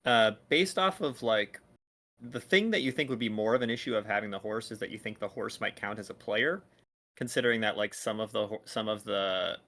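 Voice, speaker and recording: In a casual tabletop game, a fairly low-pitched man serves as dungeon master, speaking fairly quickly with a bright, forceful tone. His rule explanations wander loosely, packed with "like" and false starts.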